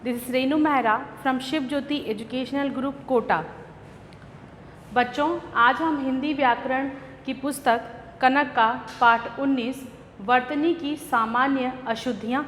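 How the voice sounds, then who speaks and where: A woman teacher, giving a grammar lesson to young children in a slow, patient way. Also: fairly high pitch, fairly bright tone, reverberant, big-room sound, a little hiss or hum. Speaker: school teacher.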